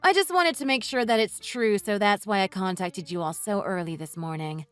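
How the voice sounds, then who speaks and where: A woman voicing a furious wife who mocks and cuts into her in-laws with sarcasm, over soft music. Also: medium pitch, normal speed, natural voice. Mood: sweet. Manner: sarcastic, cutting, mocking. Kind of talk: read-aloud text-message story. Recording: dry voice with soft music underneath.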